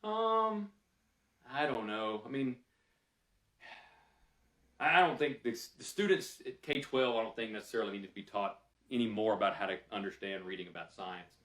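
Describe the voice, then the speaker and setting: A man's voice: fairly low pitch, expressive, normal speed, fairly bright tone. A man answering audience questions after a lecture, candid and conversational, thinking aloud with fillers. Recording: roomy, mic some distance away.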